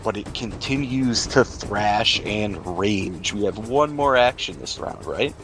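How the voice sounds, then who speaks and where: Speaking slowly and expressively, a man with a somewhat low, slightly bright voice narrates a tabletop game as game master, describing its action and rules conversationally. Background music plays under his voice.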